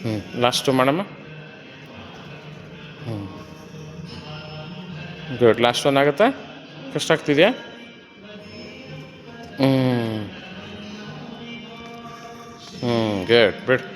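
A man's voice: mid-range voice, takes it slowly, pauses often. A man coaching his wife through a gym workout, giving short commands and counting reps. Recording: echoey gym hall with faint music.

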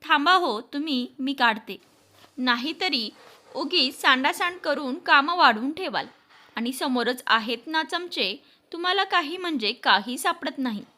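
A woman's voice: sits high, expressive, measured pace, pushed and bright, exaggerated voice. A woman voicing a kind older mother-in-law who scolds and dotes at once. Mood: doting. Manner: scolding yet doting.

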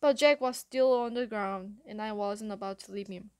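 A woman narrating a novel in the first person as an audiobook reader, with measured storytelling. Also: medium pitch, darkish tone, smooth.

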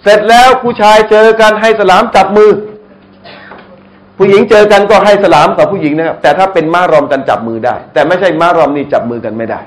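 A middle-aged man giving a lively sermon to a live audience, often asking them questions and joking. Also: sits high, fast talker, low-quality recording. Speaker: Islamic lecturer. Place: restaurant hall, live audience.

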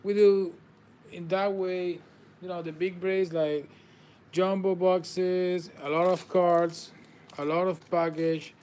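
Speaking slowly in a high, level, darkish voice, a man whose first language is Spanish runs a live card break at an indoor table with boxes of cards. He announces players and congratulates viewers, his phrasing a little non-native.

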